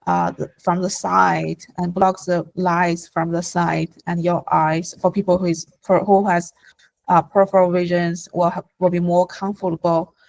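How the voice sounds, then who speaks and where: A woman's voice: lowish voice, vocal fry, no echo, low-quality recording. A woman presenting her company's product in a webinar, answering questions with frequent fillers and restarts. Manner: halting, many fillers and restarts. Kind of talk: live webinar Q&A.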